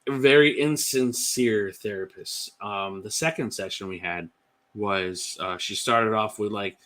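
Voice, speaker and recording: Guest voice: man with a low, bright, forceful tone, candid and meandering, casual testimony. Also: a little slow. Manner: candid, rambling with many "like"s and "um"s. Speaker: podcast guest.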